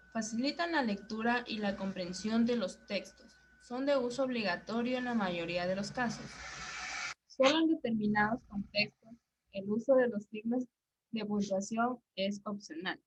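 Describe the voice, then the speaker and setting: A young woman from Ecuador gives a read-aloud class presentation. She works through definitions and examples at a steady, careful pace, with a mid-range voice. Faint noise sits behind her. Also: mid-range voice, poor audio. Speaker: psychology student presenting.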